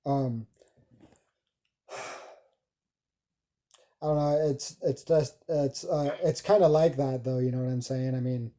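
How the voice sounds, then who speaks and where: A man recording a casual vlog, speaking haltingly with constant fillers, stumbles and restarts. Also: mid-range voice, fairly even intonation, mellow. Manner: rambling, heavy filler words. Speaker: vlogger. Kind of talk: casual self-recorded monologue.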